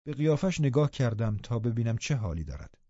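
A man reading an audiobook in a calm, measured narration. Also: mid-range voice, dry recording, muffled recording. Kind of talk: scripted narration.

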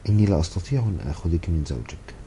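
Brief: man reading calm traditional old father, deep dark tone, quick audiobook delivery. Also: a little hiss or hum. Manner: calm, measured, gently refusing. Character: elderly stern traditional father, calm and firm.

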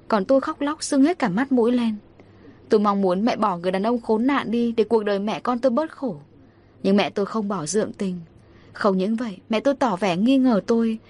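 A woman narrating a first-person drama story in a steady, dramatic way. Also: fairly high pitch.

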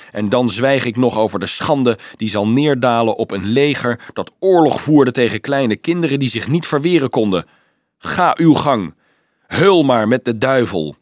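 A man's voice: mid-range voice, dry recording, clean studio sound, close to an everyday voice. A man reading a storybook aloud, voicing a brave teenage boy who pleads earnestly with a raised voice.

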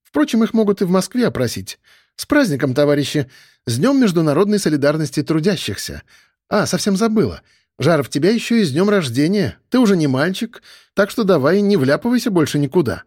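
Stern mocking female major, brisk and commanding, raised voice, a man putting her on. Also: a little high, very animated, a little mellow, breathy edge, no echo, clean studio sound, voice pushed up. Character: stern sarcastic woman police major.

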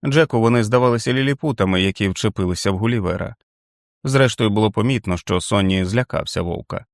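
Low voiced guy reading an audiobook, steady and dramatic, dry studio. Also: fast talker, dry recording. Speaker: audiobook narrator. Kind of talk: scripted audiobook narration.

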